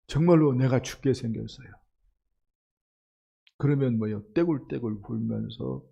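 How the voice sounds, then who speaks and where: A man preaching a sermon as pastor, asking his congregation rhetorical questions and building to forceful emphasis. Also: medium pitch, vocal fry, husky. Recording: dull lo-fi church stream.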